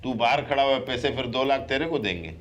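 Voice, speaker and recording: A man's voice: mid-range voice, animated, fast, a bit bright, dull audio. A man with a Pakistani Urdu accent, hosting a crime show and sternly questioning suspects, pressing and scolding them. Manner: scolding, pressing, rises sharply when angry. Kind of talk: stern interrogation.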